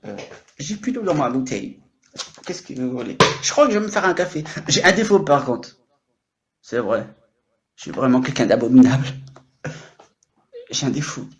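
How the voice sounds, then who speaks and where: A man's voice: mid-range voice, big pitch swings, moderate pace, pauses often, a little hiss or hum. A man in his late thirties chatting on an improvised livestream, very talkative, jumping between topics, teasing his viewers and joking about himself. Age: 30s. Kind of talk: casual improvised livestream chat. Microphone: microphone.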